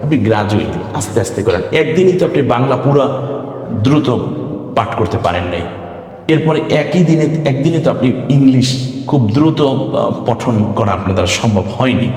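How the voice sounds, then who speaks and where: A man's voice: medium pitch, expressive, fairly quick, darkish tone. A man teaching Quran reading over slides, patient and explaining step by step with examples, with a Bangladeshi Bengali accent. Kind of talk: online slide lesson. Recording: very echoey room with long reverb.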